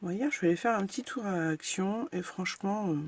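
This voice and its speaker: A woman's voice: mid-range voice, fairly quick, slight background noise. A woman hosting a casual crafting tutorial, chatting frankly and narrating each step as she works, with lots of fillers. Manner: self-deprecating and frank.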